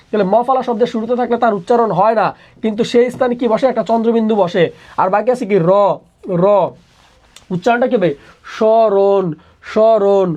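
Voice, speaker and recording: A man's voice: high voice, darkish tone, highs cut off. Young male tutor, repetitive question-and-answer drilling, mixes in English words. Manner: repeats each question and answers it himself in a call-and-response drill. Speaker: admission test tutor. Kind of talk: online exam-prep lesson.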